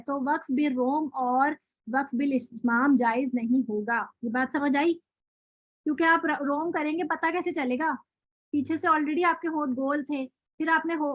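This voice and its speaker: A woman's voice: high voice, lo-fi sound. A woman teaching a recitation lesson in an online class, explaining rules and often checking whether her students understand. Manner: explanatory, asks students questions, slow drawn-out example words.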